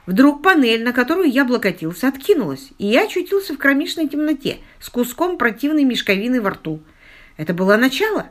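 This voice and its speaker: A woman's voice: fairly high pitch, lightly acted. A woman voicing a beaten-up young Englishman who jokes his way through his ordeal, in an audiobook. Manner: ironic, lightly self-mocking. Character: battered, wry young Englishman, joking despite injuries.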